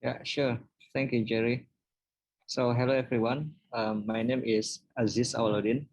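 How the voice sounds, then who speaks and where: A man's voice: medium pitch, level tone, normal speed, darkish tone, no echo. A man from Indonesia introducing himself on a video call, hesitant and full of fillers. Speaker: university staff. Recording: dull dry call audio.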